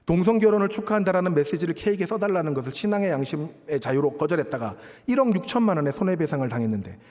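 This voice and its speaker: A man's voice: fairly high pitch, a little mellow. A man in his thirties preaching a sermon as a pastor, emphatic and posing rhetorical questions to the congregation. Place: large church sanctuary. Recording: long church hall reverb.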